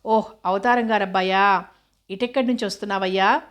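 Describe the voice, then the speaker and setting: A woman's voice: mid-range voice, fairly even intonation, a little fast, close to an everyday voice. A woman reading as a kindly old schoolteacher. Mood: pleased. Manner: warm, welcoming. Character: elderly retired teacher father, kindly.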